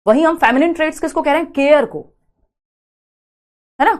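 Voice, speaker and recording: A woman's voice: high-pitched, brisk. A woman teacher giving an exam-prep lecture. She explains through rhetorical questions and frequent tag questions, mixing English terms into her talk and dictating notes.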